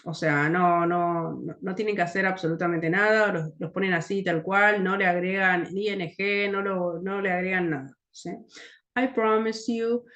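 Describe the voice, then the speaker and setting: A woman with a Rioplatense Spanish accent teaching an English grammar lesson, explaining patiently, often checking in with "¿sí?" and repeating English words slowly to model their pronunciation. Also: lowish voice, fairly even intonation, fairly bright tone, dull audio.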